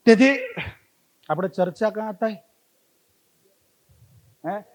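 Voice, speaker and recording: A man's voice: high voice, slow, a little hiss or hum. A man giving a motivational talk to a community gathering, telling stories, repeating key phrases and asking the audience rhetorical questions. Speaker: invited speaker.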